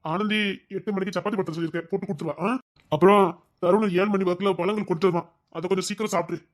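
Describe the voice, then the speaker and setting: A man's voice: high voice, fairly even intonation, racing, natural voice. An actor playing a remorseful young husband with a Tirunelveli Tamil accent, who pleads with his wife and keeps repeating his apologies. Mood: caring. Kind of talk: TV serial acting.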